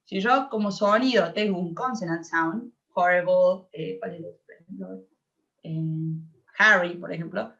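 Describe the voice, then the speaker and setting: A woman's voice: fairly low pitch, moderate pace, gravelly, pushed and bright. Argentine woman tutoring, dull lo-fi audio. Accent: Argentine Spanish. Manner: explains patiently, checks the class follows. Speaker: English tutor. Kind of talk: online class explanation.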